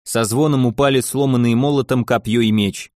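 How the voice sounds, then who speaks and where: A man narrating an audiobook with a lively, dramatic storytelling manner. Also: mid-range voice, fairly quick, no echo, clean studio sound. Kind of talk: expressive audiobook reading.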